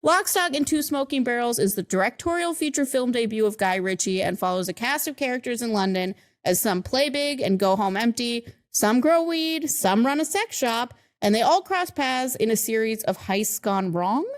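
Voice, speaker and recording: A woman's voice: on the high side, lively intonation, moderate pace, hardly any pauses. A woman hosting a podcast in casual chat, playful and laughing often, at a studio table. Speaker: podcast host.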